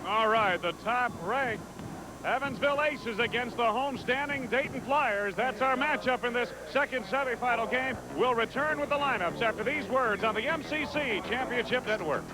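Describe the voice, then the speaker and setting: A man's voice: very high voice, normal speed. A man hosting a live basketball broadcast as play-by-play announcer, setting things up in commentary style. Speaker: play-by-play sports broadcast host. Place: indoor basketball arena. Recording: noisy live broadcast from an arena.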